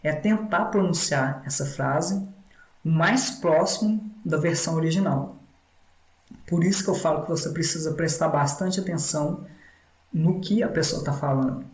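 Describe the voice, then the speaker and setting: A man with a Brazilian Portuguese accent walks through a tutorial one step at a time. His voice sits somewhat high for a man. He repeats points patiently and recorded in a room with noticeable echo. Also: normal speed. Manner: repetitive, instructive, frequent "né" tags. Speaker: English teacher.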